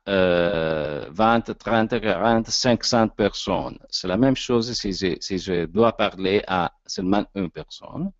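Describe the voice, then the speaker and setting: A man with an Italian accent, whose first language is Italian, gives an informal lecture as an actor and director, halting often and searching for his words. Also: fairly low pitch, dry recording. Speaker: actor and director giving a talk on voice. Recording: dull lo-fi sound, dry.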